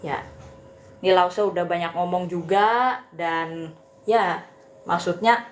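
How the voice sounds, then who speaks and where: A woman's voice: mid-range voice, roomy sound. A woman teacher, chatting casually to viewers of her live stream with many fillers and tag questions. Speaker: Mandarin teacher.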